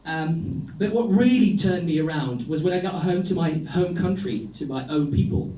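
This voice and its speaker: In an echoey club, a man with a high, wry voice works through his stand-up routine at a moderate pace, sounding distant from the mic. He's a comedian whose storytelling is ironic and dry, punctuated by deadpan asides.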